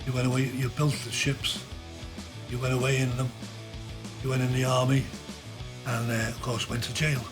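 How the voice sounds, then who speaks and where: Older Scouse man spinning yarns. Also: mid-range voice. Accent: Liverpool Scouse. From Liverpool, England. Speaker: interviewee, pub owner. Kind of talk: casual storytelling interview.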